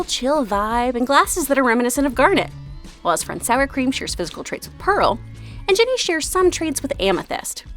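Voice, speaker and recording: High, animated Texan woman with a twang. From Texas, USA. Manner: chatty, playful. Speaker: video host. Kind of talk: scripted explainer narration with casual asides.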